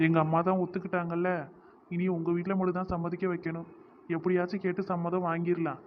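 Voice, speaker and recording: An earnest, apologetic young village son in a cartoon, voiced by a woman. He speaks southern Tamil village dialect at a middle pitch. A dull, slightly hissy sound sits on the voice. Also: flat delivery, fast talker, close to an everyday voice.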